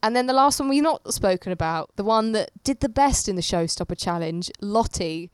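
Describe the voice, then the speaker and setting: A young woman co-hosting a podcast, chatting playfully about a baking show and trailing off into soft asides. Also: medium pitch, lively intonation, normal speed, clear, resonant tone, dry recording. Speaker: podcast co-host. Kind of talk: casual chat reviewing a baking show.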